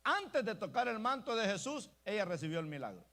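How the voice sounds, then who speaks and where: Man, pastor, emphatic sermon, fairly high voice, keeps addressing the congregation. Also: big pitch swings, brisk, sharp tone. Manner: emphatic preaching, repeatedly addressing the congregation as brother. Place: church.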